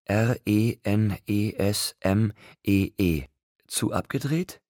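A man voicing a tender, excited young pregnant woman in an audiobook, with a soft, emotional delivery. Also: low-pitched, measured pace, slightly rough, no room sound, clean studio sound. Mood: shy.

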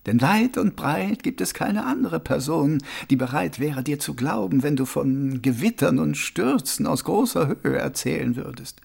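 A man voicing a calm, wry old monk sweeper who speaks slowly and soothingly, in an audiobook character voice. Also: fairly high pitch, vocal fry, breathy edge, pitched above the performer's own voice, heavily acted. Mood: calm, amused. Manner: slow, gently amused, soothing.

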